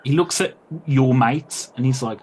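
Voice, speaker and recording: Brief: male game master, casual rambling narration, mid pitch. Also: measured pace, a little mellow, slight background noise. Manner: loose, rambling, sweary.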